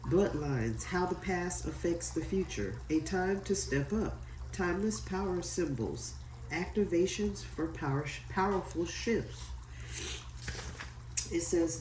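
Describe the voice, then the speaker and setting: A medium-pitched, dark-toned voice belongs to a tarot reader with a head cold and stuffy nose, chatting apologetically and loosely while reading from a guidebook. It's recorded from a distance in an echoey room with slight background noise.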